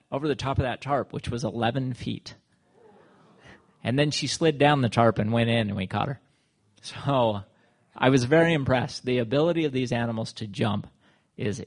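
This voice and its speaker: A man presenting on his wildlife work to an audience, halting and full of fillers and restarts as he tells stories from the field. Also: fairly low pitch, vocal fry. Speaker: wildlife manager giving a presentation.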